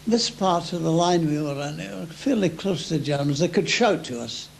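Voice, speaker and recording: Really old guy, veteran remembering stuff, slow and fairly high voice, bit of hiss behind. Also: animated, vocal fry. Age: very elderly, 90s or older. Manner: unhurried anecdotal telling, acting out remembered shouts. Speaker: First World War veteran. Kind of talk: old veteran reminiscing in an interview.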